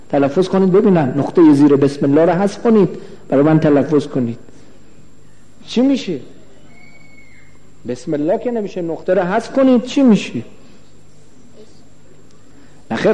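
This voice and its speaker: A male cleric giving a religious lecture, slow and emphatic, repeating phrases and asking the audience questions. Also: a little high, dark tone. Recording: long hall reverb.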